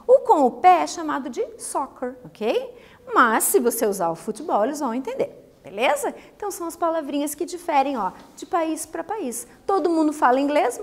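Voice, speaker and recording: A woman from Brazil teaches a recorded lesson and keeps putting questions to her students. Her voice is high and swings widely in pitch. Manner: lively, asks the students questions. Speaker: English teacher.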